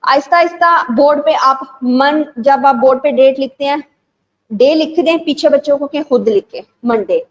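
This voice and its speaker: A woman with a notably high voice leads a teacher-training session, speaking patiently and slowly. She repeats and spells out examples and slips into English phrases as she explains. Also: poor audio. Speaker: teacher trainer and school owner. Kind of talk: instructional talk to teachers.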